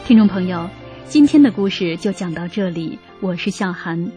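A woman radio host reading a first-person story aloud in an earnest, even scripted narration. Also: on the low side, normal speed, soft background music.

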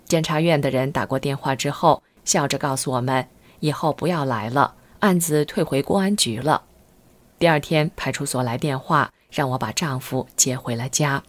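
A middle-aged woman with a low, deep voice reads aloud her own first-person account. She speaks earnestly at a normal, steady pace.

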